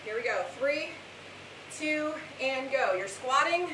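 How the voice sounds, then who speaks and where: High-pitched woman coaching a workout, echoey and hissy. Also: expressive, takes it slowly. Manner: motivating, calling out encouragement, cues and countdowns; exerting herself while talking through the exercises. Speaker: fitness instructor leading a home workout class. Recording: echoey room, far from mic, loud hiss.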